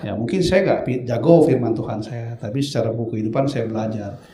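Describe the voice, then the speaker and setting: Guest man, earnest, animated storyteller, mid pitch, roomy echo with crowd noise behind. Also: quick pace. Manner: earnest, animated, acts out quoted lines. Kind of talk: candid testimony in a talk show.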